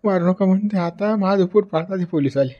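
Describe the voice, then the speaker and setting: Village comedy actor, man, high voice, wails and pleads. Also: quick pace, mellow, lo-fi sound. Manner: pleading and wailing while being beaten. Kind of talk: rural village comedy sketch.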